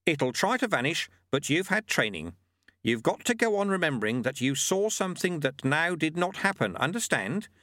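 A man doing a wry old monk, higher and chatty. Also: big pitch swings, normal speed, sharp tone, no echo, clean studio sound. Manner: chatty, offhand lecturing. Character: old wry male monk, folksy and knowing.

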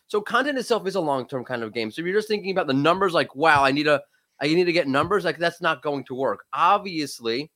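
This man in his thirties has a cold, and his fairly high, slightly bright voice keeps cracking. As an SEO expert guest on a podcast, he talks emphatically and quickly in a casual expert discussion, often restarting his sentences.

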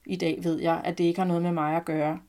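A middle-aged Danish woman, a podcast host, reading her own personal short story aloud in a calm, reflective first-person voice. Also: lowish voice.

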